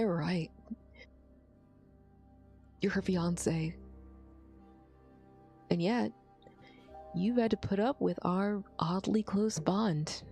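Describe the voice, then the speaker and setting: A woman's voice: lowish voice, darkish tone. A woman voicing a drunk, bitter, heartbroken young man who confesses in half-whispers while reading a story aloud.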